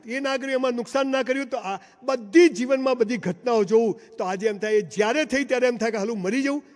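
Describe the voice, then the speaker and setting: High-voiced man speaking in a reverberant hall. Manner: emphatic storytelling, addressing the crowd directly. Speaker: motivational speaker. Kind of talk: live motivational seminar speech. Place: large seminar hall before an audience.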